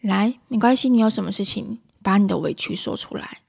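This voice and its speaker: A woman voicing a patient mother who talks calmly and reassuringly to her child. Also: medium pitch, brisk, creaky, breathy edge. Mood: soothing. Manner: calm, reassuring.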